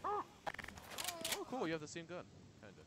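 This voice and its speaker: A man's voice: a little high, huge pitch swings, normal speed, very noisy. A man casually commenting on his game loadouts in a chatty, offhand way. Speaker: gamer showing his loadouts. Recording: voice over loud game music.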